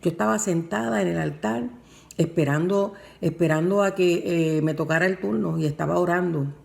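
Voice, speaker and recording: A woman's voice: lowish voice, moderate pace, creaky. A woman preaching a sermon and telling her own testimony, with emphatic repeated phrases and fervent delivery. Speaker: preacher and worship singer.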